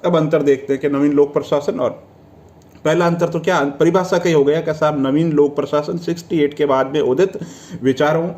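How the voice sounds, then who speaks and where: A man's voice: on the high side, darkish tone. A man teaching a civil service exam class, often asking questions and answering them himself, and telling students to learn definitions by heart. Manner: addresses students as friends, tells them to memorize. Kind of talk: lecture.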